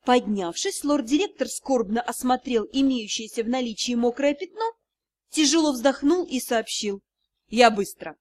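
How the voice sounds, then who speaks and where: A woman narrating a fantasy audiobook with lively, expressive storytelling. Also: high voice, moderate pace.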